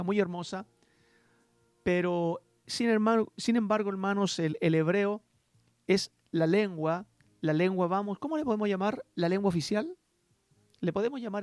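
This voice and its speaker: Man, pastor, high voice, rambling Bible teaching, dry close mic, faint music behind. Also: dry recording. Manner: rambling, self-deprecating, with frequent "hermanos" asides. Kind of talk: radio-style Bible teaching.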